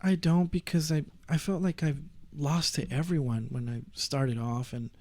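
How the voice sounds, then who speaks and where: A man's voice: on the high side, steady tone, moderate pace, darkish tone, dry recording. A man who plays arcade fighting games, answering interview questions earnestly with some stumbling restarts. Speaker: podcast guest, arcade fighting game player. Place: podcast studio.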